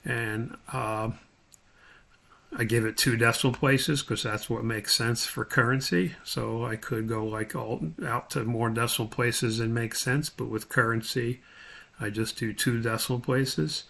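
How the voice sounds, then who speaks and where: A man with a medium-pitched, creaky voice and steady tone gives an off-the-cuff software tutorial, pausing and stumbling as he reasons aloud through each step.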